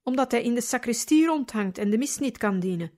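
A man's voice: extremely high pitch, lively intonation, fairly quick, a little mellow, pitched above the performer's own voice. A woman doing a furious grumpy sexton. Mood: angry. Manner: scolding, harsh.

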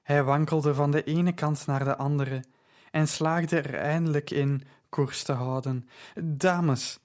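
A man narrating an audiobook story in a measured, even storytelling manner. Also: fairly high pitch.

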